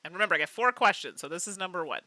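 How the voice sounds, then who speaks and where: A woman streaming a mystery game live, chatting with her viewers and laughing often in an animated way. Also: lowish voice, rapid-fire, dry recording. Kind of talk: live game playthrough chat.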